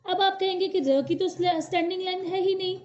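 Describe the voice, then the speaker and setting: A woman's voice: very high voice, normal speed, a little mellow. A woman teaching a children's Hindi alphabet lesson, patiently repeating each syllable aloud for the class to follow. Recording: dull lo-fi recording.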